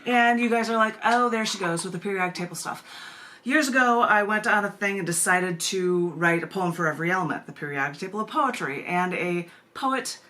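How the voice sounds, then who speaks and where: A poet and open mic host, this woman leads a virtual poetry reading over live video, speaking informally and reading her own work aloud with giggles and tangents in the chat. Her mid-range voice is bright and forceful, and she talks fairly quickly.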